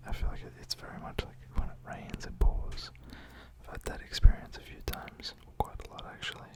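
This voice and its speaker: At a moderate pace, a man whispers into the mic in a soft, breathy voice, chatting in a rambling, casual ASMR style. As an ASMR creator, he keeps things gentle, informal and reassuring.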